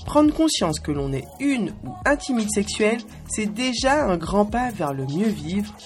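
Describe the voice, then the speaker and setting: A woman in her twenties hosting a podcast, with a playful, cheeky scripted monologue spoken straight to the listener. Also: mid-range voice. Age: 20s. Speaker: podcast host.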